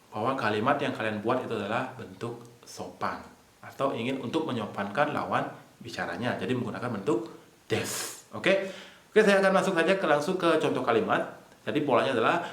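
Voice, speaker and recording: A man teaching a casual online language lesson, explaining slowly step by step and repeating key points. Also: mid-range voice, fairly bright tone. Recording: echoey room.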